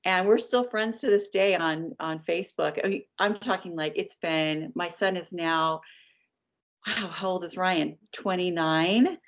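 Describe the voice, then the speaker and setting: A woman in her fifties tells her story in an interview with animated, chatty energy. Her voice sits slightly low. The recording is dull and lo-fi. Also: measured pace. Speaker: licensed artist, guest. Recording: dull lo-fi sound.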